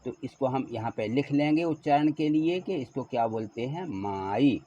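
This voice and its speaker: A man's voice: medium pitch, expressive, moderate pace, mellow, slight background noise. A man teaching a school lesson patiently, repeating each word and asking the class to say it back. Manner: patient, repeats words and asks questions back. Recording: dull lo-fi recording.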